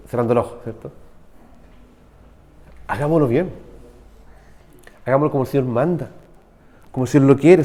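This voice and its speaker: A man's voice: medium pitch, dark tone, big-room sound. A man with a Chilean Spanish accent preaching a conversational sermon, often asking his listeners "right?". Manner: conversational preaching, frequent rhetorical "¿cierto?". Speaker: pastor. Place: church hall.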